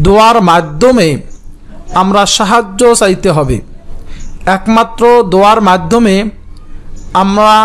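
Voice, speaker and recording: A man teaching viewers a prayer, addressing them earnestly and reciting it slowly, syllable by syllable, for them to repeat. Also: high-pitched, a bit bright, a little hiss or hum. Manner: slow syllable-by-syllable recitation for learners. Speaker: Islamic religious teacher.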